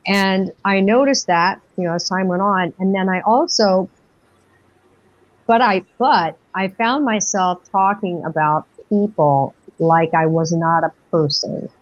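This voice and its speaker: A woman's voice: medium pitch, unhurried. Middle-aged woman rambling thru her story w lots of ums, muffled lo-fi sound, no room echo. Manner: rambling, breathless storytelling with many fillers and acted-out quotes. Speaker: guest experiencer. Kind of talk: personal storytelling interview. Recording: dull lo-fi dry audio.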